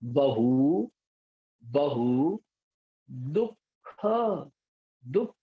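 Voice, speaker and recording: A male scripture teacher leading a pronunciation class, reciting each word of a verse slowly and twice, with brisk instructions in between. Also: medium pitch, big pitch swings, narrow, tinny audio. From Madhya Pradesh, India. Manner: brisk spoken instructions between the chanted words.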